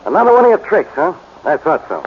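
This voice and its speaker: An actor playing a gruff, irritable, impatient police inspector with an American accent in a 1940s radio detective drama, curt and exasperated. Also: male voice, on the high side, huge pitch swings, fast. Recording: dull, noisy 1940s radio recording.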